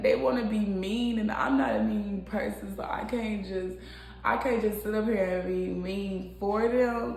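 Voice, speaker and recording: Woman, tarot reader, animated casual talk, medium pitch, roomy echo. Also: gravelly. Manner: animated, repetitive, laughs often. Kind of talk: casual spiritual tarot reading.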